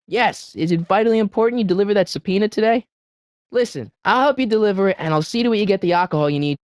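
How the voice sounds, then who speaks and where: Eagerly persuading, a high-voiced American teenage boy, the anxious hero of a time-travel adventure game, rushes his words with nervous stammers and hesitation. His tone rises and falls urgently, and the recording is dry and clean with no room sound.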